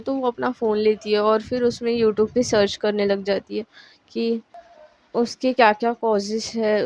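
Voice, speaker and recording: A woman's voice: a little high, a little mellow, lo-fi sound. A woman casually narrating a romantic story, conversational, with fillers.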